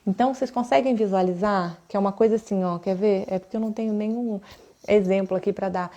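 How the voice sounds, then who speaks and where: A woman's voice: mid-range voice, fast talker, dark tone. A woman with a Brazilian Portuguese accent who teaches bath therapy. She gives a live class in a chatty way, uses personal examples and often checks in with her audience. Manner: conversational, with frequent tag questions to the audience.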